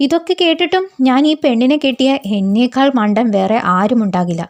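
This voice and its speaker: A bitter, angry young groom jilted at the altar, read out by a woman. The voice sits lower than her own and sounds accusing. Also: a little fast, darkish tone, close to an everyday voice.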